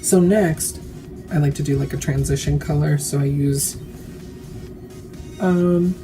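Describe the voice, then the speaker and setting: A woman's voice: sits low, fairly even intonation, a little slow, music in the background. A woman giving a casual, chatty makeup tutorial while tipsy, rambling drunkenly and swearing freely.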